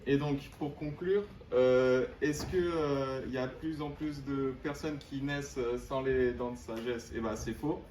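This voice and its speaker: A young man giving an explanatory student presentation, haltingly searching for words. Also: medium pitch, steady tone, a little mellow, faint music behind. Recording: roomy, distant mic, faint noise.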